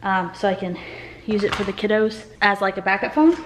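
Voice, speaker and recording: A mother in her thirties with an American accent vlogs to camera in a casual, informal, rambling and chatty way. Her voice is mid-range and brisk. The home-video audio is noisy and has clicks.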